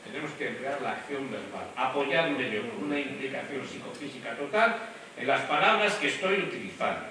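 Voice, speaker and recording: A man teaching a voice class, lively and demonstrative, speaking straight to his students. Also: mid-range voice, moderate pace. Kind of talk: classroom lecture. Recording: echoey room, mic from far off, noisy.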